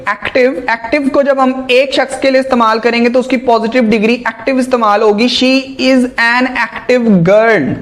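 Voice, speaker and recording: A woman giving a grammar lesson. She is patient and repeats key points. She slows right down for example sentences and explains more briskly in between. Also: a little high. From Pakistan. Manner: slow, drawn-out English examples, brisker explanations. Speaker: grammar teacher. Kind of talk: classroom-style grammar lecture.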